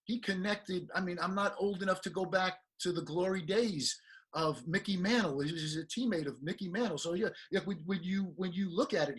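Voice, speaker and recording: A man's voice: high voice, fairly bright tone, husky. A man, hosting an interview and asking long, rambling, chatty questions. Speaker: interview host. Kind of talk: casual interview.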